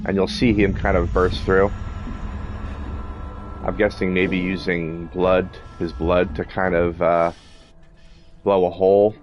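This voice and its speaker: A man's voice: deep voice, muffled recording. A man giving casual video game commentary, thinking aloud in a hesitant way. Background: game music and sound.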